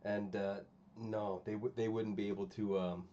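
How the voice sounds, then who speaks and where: A man's voice: on the low side, flat delivery, normal speed, dark tone, muffled recording, slight background noise. A man with the hiccups, rambling casually to his chat while painting miniatures. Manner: rambling, distracted, talking to stream chat. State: has the hiccups. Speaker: channel host.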